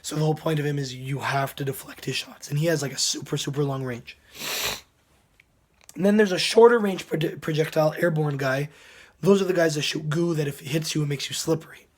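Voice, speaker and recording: Male game vlogger, a little high-pitched, hoarse and under the weather, casual delivery with throat clearing. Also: a little fast. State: hoarse, sick, losing his voice. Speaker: video game reviewer. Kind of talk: casual commentary to viewers.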